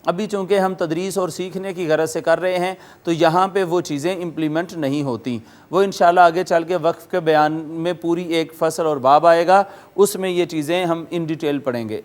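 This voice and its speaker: A male lecturer with a Pakistani Urdu accent teaches Arabic grammar to viewers. His voice sits high and sounds smooth and clear. He works through each word methodically and repeats its meaning patiently. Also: steady tone. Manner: chants Quranic words slowly in a drawn-out recitation tone. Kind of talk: classroom-style recorded lecture.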